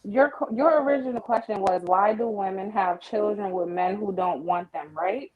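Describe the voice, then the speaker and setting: A woman's voice: medium pitch, moderate pace, narrow, tinny audio, a crowd in the background. A woman speaking over a group voice chat connection, making pointed, articulate arguments in a casual debate. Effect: heard through a group voice chat connection. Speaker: participant in a live audio chat.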